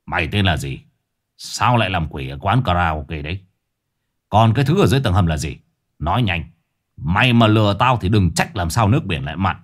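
A man voicing a gruff, impatient old male exorcist who talks curtly and bossily. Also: deep voice, lively intonation, a little fast, voice pushed down. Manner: curt, bossy.

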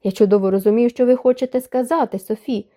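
A woman voicing a kind, generous noblewoman who speaks softly and insistently. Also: fairly high pitch, fast, close to an everyday voice. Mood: gentle. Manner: soft, pleading.

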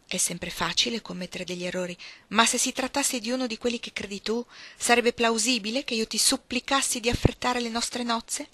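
A woman's voice: on the high side, fairly even intonation, brisk, sharp tone, no room sound. A woman reading the part of a young man, an impatient fiancé who presses and pleads earnestly in an audiobook reading.

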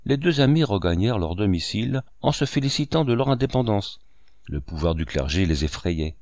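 Low-voiced male audiobook narrator. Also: no echo, clean studio sound. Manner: measured and expressive. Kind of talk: scripted narration of a classic novel.

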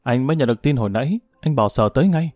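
A man's voice: mid-range voice, expressive, quick pace, a little mellow, dry recording, soft background music, natural voice. A man playing a harried young airman, curt and strained, in a storybook reading.

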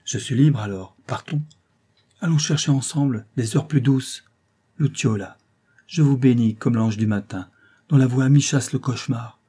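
A man's voice: medium pitch, normal speed, dark tone, slightly rough, lightly acted. A man voicing a passionate, desperate young nobleman in a story reading, pleading in a raised voice. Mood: fervent.

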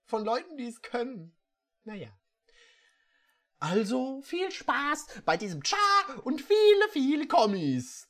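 Sarcastic reader of bad fan fiction. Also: medium pitch. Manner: sarcastic, deadpan asides. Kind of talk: comedic dramatic reading with asides.

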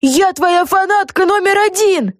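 A woman narrator voicing an excitable young girl fan who gushes and chatters. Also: fairly high pitch, fairly quick, no echo, clean studio sound, voice pushed up, lightly acted. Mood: eager. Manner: gushing, chattering.

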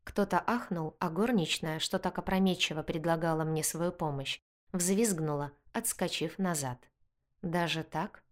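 A woman reading a first-person fantasy story aloud with expressive storytelling. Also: on the low side, moderate pace. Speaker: audiobook narrator.

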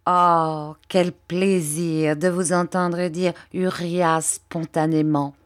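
A woman reads a fawning young clerk who dwells on his own humility, drawing out each ingratiating phrase. The voice sits fairly low and moves at an unhurried crawl. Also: flat delivery. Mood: oily. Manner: unctuous, slow, ingratiating. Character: fawning, falsely humble young male clerk. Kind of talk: audiobook character reading.

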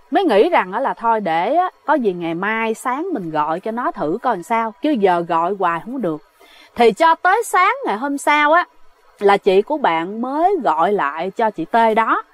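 A woman's voice: mid-range voice, no room sound. A woman telling a ghost story in a chatty way, often speaking straight to her listeners. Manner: chatty, addresses listeners as "các bạn".

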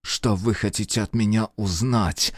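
A man's voice: on the low side, fairly even intonation, unhurried, no room sound, studio quality. A man voicing an oily, nervous middle-aged smuggler boss who wheedles and pleads in an audiobook. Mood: sour. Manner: wheedling, pleading, then sour.

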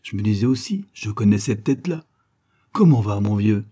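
A man's voice: fairly low pitch, expressive, normal speed, warm tone, breathy edge. A man reading the part of an easygoing, joking man of thirty in a storybook reading, in a wry, teasing manner. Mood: friendly.

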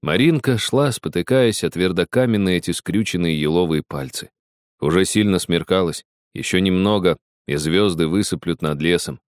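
A man narrating a story in a measured, expressive reading. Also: sits low, no echo, studio quality. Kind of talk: audiobook reading.

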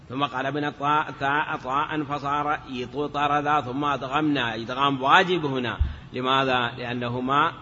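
Bright-voiced man teaching in an echoey room. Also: mid-range voice, slight background noise. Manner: patient, explanatory, checks understanding with short questions; sounds words out slowly, syllable by syllable. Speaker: teacher of Arabic morphology. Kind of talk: classroom lecture. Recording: dull, roomy lecture recording.

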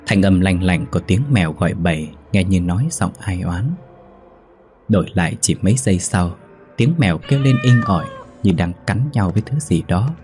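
A man narrating a ghost story in a steady, measured reading. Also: sits low, soft background music.

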